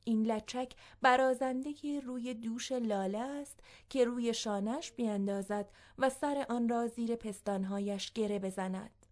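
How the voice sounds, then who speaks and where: A woman voicing an old, weary, fatherly man who quietly muses to himself in a storybook reading. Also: a little high, steady tone, close to an everyday voice. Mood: musing.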